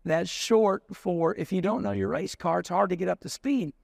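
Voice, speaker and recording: Recorded at studio quality with no room sound, a high-pitched American man in his sixties, host of a racing show, chats casually and tells stories at normal speed with vocal fry. He animatedly acts out the voices of those he quotes.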